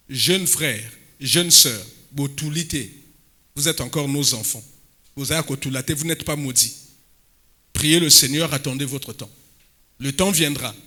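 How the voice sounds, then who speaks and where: A man preaching a sermon as pastor, breaking into sudden loud emphatic bursts and dropping in Lingala phrases. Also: medium pitch.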